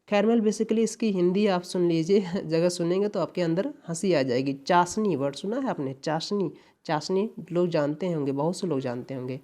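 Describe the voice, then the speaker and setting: A woman teaching English grammar for a competitive exam. She mixes Hindi and English, often repeats reminders to pay attention, and reads the example sentences slowly. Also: lowish voice, mellow. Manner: repetitive, drills key points with "dhyan dijiyega". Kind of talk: exam-prep grammar lesson.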